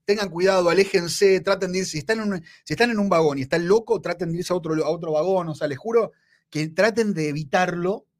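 A man co-hosts a casual podcast, chatting in a voice that sits high at a quick pace. He tends to repeat himself and often calls his friend "amigo."

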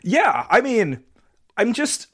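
A man from the American Midwest co-hosting a podcast, chatting casually in a deadpan, sarcastic way with stammered restarts. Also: high voice, slow pace, breathy edge. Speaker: podcast co-host. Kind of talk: casual chat.

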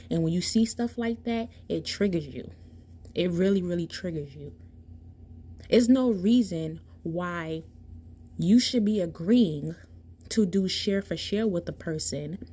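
Woman podcast host, lowish voice, emphatic and direct, casual monologue. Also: mellow, husky. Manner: emphatic, impassioned, addresses listeners directly.

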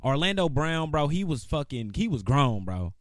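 A man's voice: fairly high pitch, big pitch swings, normal speed, no room sound, clean studio sound. A man co-hosting a casual podcast, explaining his points in profane slang full of "bro" and "dog". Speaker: podcast co-host. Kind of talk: casual back-and-forth podcast chat.

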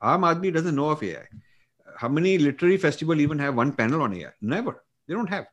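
A man's voice: a little high, animated, fast. Earnest man answering interview questions. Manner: earnest, emphatic, with frequent fillers and restarts. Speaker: author and interview guest.

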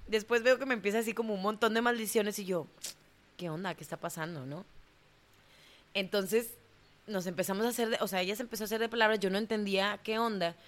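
A young woman from Monterrey, Mexico, a dancer in a ballet company, tells a story in an interview with a northern Mexican accent. She talks fast in a mid-range voice, lively and colloquial, acting out the dialogue.

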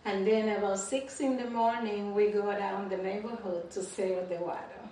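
Indoors at home, a woman from the Dominican Republic gives testimony about her life to an interviewer, speaking with a Dominican Spanish accent. Her medium-pitched voice is steady and dark, at normal speed, caught by a distant mic in a very echoey room with faint noise.

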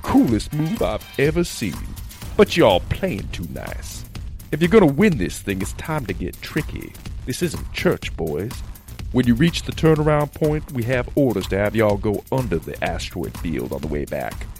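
A man voicing a laid-back male space racer DJ who talks in a cool, calm drawl. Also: on the low side, normal speed, soft background music. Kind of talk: storybook voice acting.

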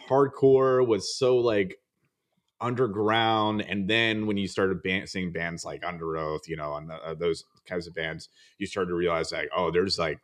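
Deep-voiced podcast host asking questions. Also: male voice. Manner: asks loose, searching questions with fillers. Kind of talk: casual interview.

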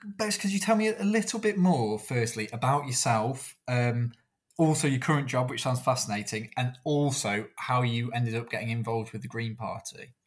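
A man's voice: mid-range voice, moderate pace. Upbeat man hosting a podcast interview. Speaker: podcast host, political editor.

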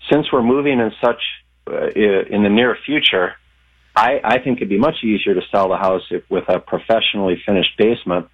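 A man's voice: fairly low pitch, brisk. A man calling in over the phone, politely laying out his question in an orderly way. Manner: polite, orderly, lays out details. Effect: heard over the phone. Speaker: caller. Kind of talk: casual call-in question. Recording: dull phone-line sound.

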